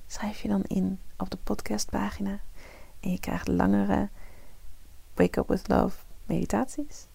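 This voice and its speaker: Soft whispering woman, very creaky and breathy. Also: medium pitch, little pitch movement, no echo, poor audio. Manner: soft, breathy half-whisper, slow and soothing. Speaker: host of a morning meditation podcast. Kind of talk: guided morning meditation, soft soothing ASMR-like delivery.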